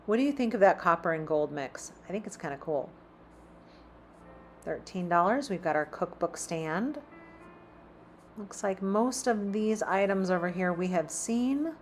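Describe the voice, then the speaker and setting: A woman chatting casually as she browses a store, reading out prices as she walks. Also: lowish voice. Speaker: shopping vlogger. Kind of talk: casual shop-with-me narration. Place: inside a large store.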